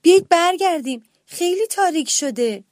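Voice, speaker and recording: A woman voicing a chubby, bossy older brother mouse who speaks loudly and gives orders. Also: high-pitched, animated, no room sound, clean studio sound.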